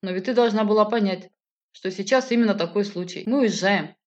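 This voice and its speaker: An emotional grown man, rushing through heated, pleading lines, as a woman reader puts him on. The pitch sits mid-range, and the recording sounds slightly muffled and lo-fi. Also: a little mellow, natural voice. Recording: slightly dull lo-fi audio.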